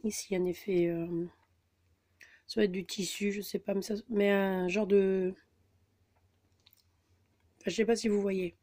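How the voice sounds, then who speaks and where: Chatty woman, mellow voice. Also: medium pitch, flat delivery, measured pace, long pauses. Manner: chatty, hesitant, many fillers. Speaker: scrapbooking vlogger. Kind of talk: casual haul video.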